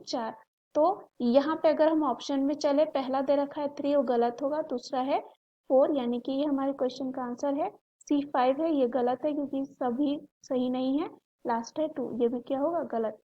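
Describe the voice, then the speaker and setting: A woman explaining a biology exam question step by step. She asks herself rhetorical questions and answers them, repeating key terms slowly. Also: high-pitched, fairly even intonation, lo-fi sound. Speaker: biology teacher. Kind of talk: exam solution walkthrough.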